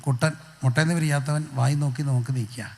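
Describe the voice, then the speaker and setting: A man with a Malayali accent preaching an open-air gospel sermon, animated and often asking questions of the listeners. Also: mid-range voice, quick pace, long reverb tail. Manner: animated, asks the crowd questions. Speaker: pastor. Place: outdoor street gathering.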